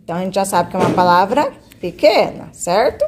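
A woman's voice: mid-range voice, big pitch swings, a little fast, background noise. A woman teacher guiding a child through a reading lesson, patiently coaxing and stretching out syllables. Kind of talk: one-on-one literacy lesson.

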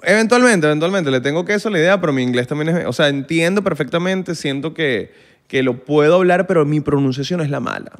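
Man, Venezuelan accent, guest comedian, casual banter, animated. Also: fairly high pitch, a little fast.

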